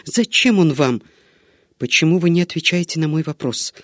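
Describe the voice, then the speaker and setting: A man's voice: a little high, expressive, normal speed, fairly bright tone, dry recording, clean studio sound. A man reading the part of a middle-aged monk, curt and demanding, pressing with threats. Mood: menacing impatient.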